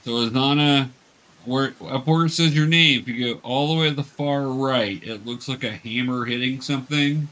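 A man acting as dungeon master and teacher guides players through an online tabletop role-playing game, explaining patiently step by step with some hesitation. His mid-range voice is fairly bright, and he speaks at a normal speed.

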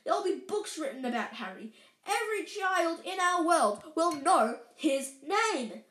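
A woman's voice: extremely high pitch, sing-song, unhurried, a bit bright, a little hiss or hum, voice pushed up, full character voice. A woman voicing a stern, anxious elderly woman professor who stammers and restarts in tearful, breathless outbursts. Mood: indignant. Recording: roomy echo.

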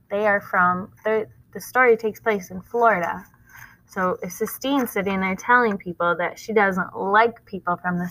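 Bright-voiced woman teacher reading aloud. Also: mid-range voice, no echo, poor audio. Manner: plain, explanatory, with fillers. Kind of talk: reading a novel aloud with explanations.

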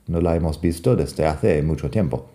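Guy teaching english grammar, deep mellow voice, slow and patient, repeats examples, lots of little pauses. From United States. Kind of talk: bilingual language lesson.

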